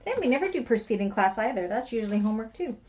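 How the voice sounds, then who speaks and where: A woman's voice: on the high side, lively intonation, very fast, a little mellow. Woman, crafting instructor, chatty and self-mocking; slightly dull, lo-fi table mic. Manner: chatty, self-deprecating, talks to herself while working. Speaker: bag-making instructor. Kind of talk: live class instruction while sewing. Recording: slightly dull lo-fi with faint noise.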